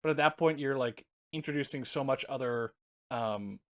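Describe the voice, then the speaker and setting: A man with a medium-pitched, fairly bright voice co-hosts a casual podcast about card games, speaking at normal speed. He rambles through his points, frequently searching for words and laughing along the way.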